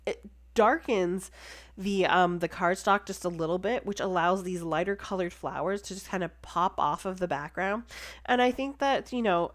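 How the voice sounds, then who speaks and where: Stuffy-nosed woman narrating a craft tutorial. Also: fairly low pitch. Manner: chatty and enthusiastic. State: stuffy, congested. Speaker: card-making crafter. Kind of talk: casual crafting tutorial voice-over.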